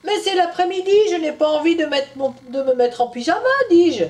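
A woman's voice: sits high, brisk, darkish tone, pitched above the performer's own voice, close to an everyday voice. A woman voicing a small boy rabbit in a read-aloud children's story, complaining in a whiny way. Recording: voice from a distance off the mic.

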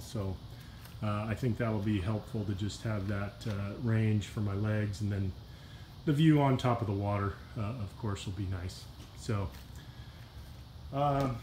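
A man filming a casual vlog outdoors beside a pickup truck, talking in a relaxed, rambling way with lots of "uh" and "you know". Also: mid-range voice, a little hiss or hum. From Washington state. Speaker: kayak fishing vlogger. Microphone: handheld phone camera, filming himself off-screen.

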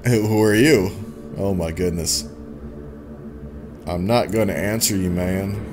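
Over game music and a noisy background, a deep-voiced young man talks at a measured pace while playing at home. As a YouTuber hosting a casual let's play, he chats informally, reads in-game text, and jokes around.

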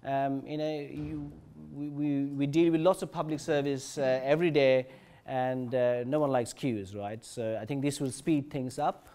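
A man giving a technical conference talk, halting, with many fillers and restarts. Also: mid-range voice, steady tone, dark tone. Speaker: conference presenter. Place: conference session room.

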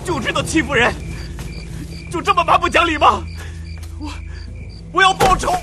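An actor playing a hot-tempered young rustic martial arts student who shouts defiantly. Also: male voice, on the high side, big pitch swings, very fast, over music. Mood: indignant. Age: young adult.

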